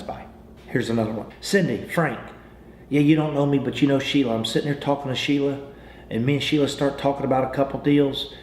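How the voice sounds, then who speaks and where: An American man gives an informal sales training talk, acting out example phone calls in a folksy, persuasive salesman's style, repeating phrases and restarting as he goes. His voice is medium-pitched and a little mellow, recorded in a roomy, echoing space with faint noise.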